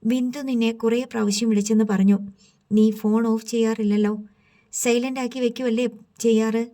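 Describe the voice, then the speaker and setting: Storybook figure: an insistent mother, read by a woman narrator, soft and warm. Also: a little high, steady tone, a little fast, natural voice. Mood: prying. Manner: pressing questions. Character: prying, insistent mother of a grown son.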